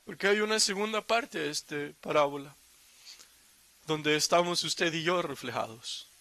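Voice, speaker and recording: A man's voice: a little high, moderate pace, bright, forceful tone. A man preaching a sermon in Spanish, reading scripture aloud and explaining it with emphatic asides and rhetorical questions. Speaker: pastor.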